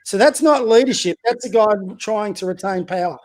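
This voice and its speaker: A high-voiced man, a community basketball coach, is a guest on a casual podcast talking politics at a brisk pace. Blunt and opinionated, he launches rhetorical questions at listeners and stumbles into restarts as he develops his argument.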